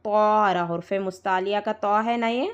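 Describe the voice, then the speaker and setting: A woman teaching Quran recitation rules to students, patiently repeating points, spelling out letters slowly and checking often that they follow. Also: mid-range voice, steady tone, muffled recording. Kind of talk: live tajweed lesson to students.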